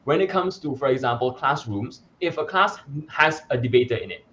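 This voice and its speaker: A man's voice: medium pitch, lively intonation, normal speed, bright, forceful tone, lo-fi sound, slight background noise. A young man from Malaysia, a debate coach, answering interview questions in an articulate, explanatory way with some fillers and restarts. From Malaysia (Sarawak).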